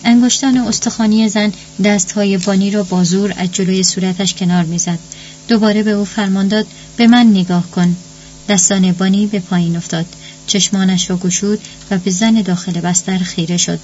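A woman's voice: mid-range voice, steady tone, a little mellow. Woman narrating a story, muffled hum. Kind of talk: audiobook narration. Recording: muffled recording with faint hum.

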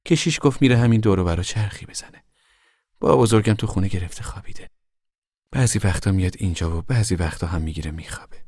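A man's voice: low-pitched, darkish tone, no room sound, studio quality. An actor voicing a weary, practical farm mother in a radio drama, talking in an earnest, plain way. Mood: calm.

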